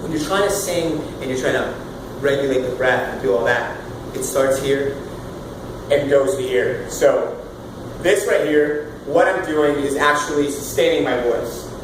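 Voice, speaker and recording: A man in his thirties leading a casual singing workshop, loud and animated, swearing now and then and demonstrating sounds as he explains. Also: medium pitch, a little slow. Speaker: vocal coach. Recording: roomy, far from the mic, with room noise.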